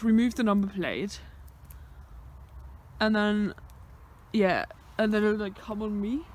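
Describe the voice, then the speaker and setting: A woman's voice: mid-range voice, slight background noise. A young woman vlogging on a hike, chatting and rambling to herself, a little out of breath, on a country road. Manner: chatty, rambling, talks to herself, swears lightly. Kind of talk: rambling vlog chat on a walk. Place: outdoors on a country road beside a fenced field. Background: passing cars.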